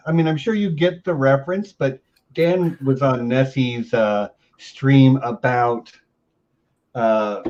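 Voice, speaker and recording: A man's voice: mid-range voice, a little mellow. A man hosting a casual podcast, easygoing and upbeat as he chats with his guest. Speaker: host. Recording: slightly dull, lo-fi mic.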